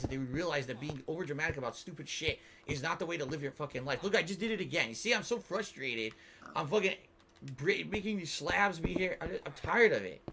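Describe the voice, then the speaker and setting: A man's voice: fairly high pitch, noisy background. A man streaming a game, venting in frustration with heavy swearing and repeating himself as he reads out viewer tips. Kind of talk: casual live-stream chat.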